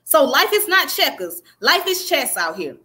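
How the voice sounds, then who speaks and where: Her voice is high, bright and forceful, very animated and at a moderate pace. She's a Southern American woman in her thirties, recording on a close webcam in a small indoor room as she delivers an emphatic, preachy, casual history livestream. Again and again she checks in with her viewers by saying "okay?"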